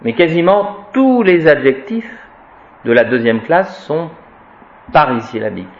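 A man's voice: on the high side, very animated, measured pace, muffled recording. A man giving an informal Latin grammar lesson. He talks in a chatty, wry way and drills declensions aloud. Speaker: Latin teacher.

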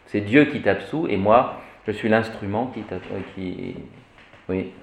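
A man teaching Latin in a classroom lecture, animated and fond of vivid examples, often checking that his listeners follow. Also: lowish voice, unhurried, creaky, echoey room, a little hiss or hum. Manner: animated, repeats "vous voyez", vivid examples.

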